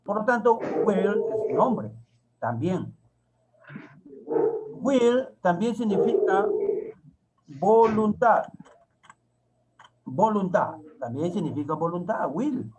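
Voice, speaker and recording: Slow, deliberate male teacher. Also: sits high, very animated, very noisy. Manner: slow, repeats and spells out each word of examples. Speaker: English teacher. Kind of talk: classroom grammar lesson.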